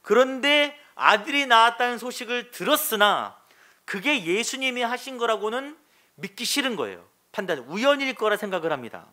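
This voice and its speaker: A man's voice: extremely high pitch, expressive, moderate pace, pushed and bright. A male pastor preaching a Sunday sermon in a church, talking frankly and conversationally and asking the congregation questions. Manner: colloquial and frank.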